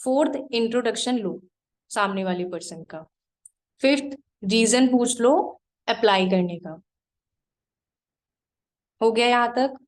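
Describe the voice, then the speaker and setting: Woman trainer giving direct step-by-step instructions. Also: on the high side. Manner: direct, repeats points slowly for note-taking. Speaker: trainer teaching an online class. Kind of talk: live online class, instructing.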